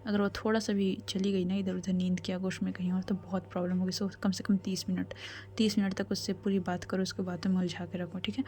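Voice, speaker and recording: A woman voicing a calm, firm woman doctor in a spoken love story, explaining and reassuring in her own mellow voice. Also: lowish voice, a little fast, a little hiss or hum, lightly acted. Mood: serious.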